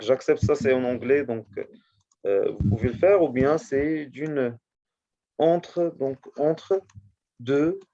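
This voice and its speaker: Halting male teacher, mellow voice. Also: mid-range voice, lo-fi sound. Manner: hesitant, halting, checks often that students follow. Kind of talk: classroom lesson correcting a test.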